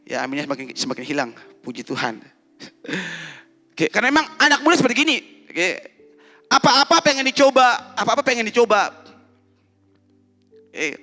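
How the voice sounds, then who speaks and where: Brief: male pastor, high and bright, animated call-and-response youth sermon, church hall reverb. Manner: animated, teasing, quizzes the congregation.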